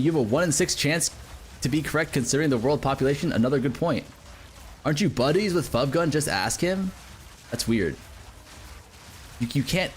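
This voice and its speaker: A man's voice: a little high, a little hiss or hum. A man streaming a game live, chatting casually, cursing and joking while he reads out chat messages.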